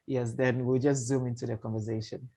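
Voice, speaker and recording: Moderating a panel discussion over an online video call, a man talks in a casual, chatty way and rephrases as he goes. His mid-range voice is mellow and fairly quick, with little movement in pitch.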